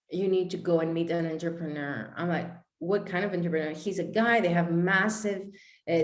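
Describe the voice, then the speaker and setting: A young adult woman from Greece, a life coach, telling a personal story to a live online audience and acting out both sides of each conversation. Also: fairly low pitch. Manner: animated, acts out both sides of dialogues. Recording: echoey room.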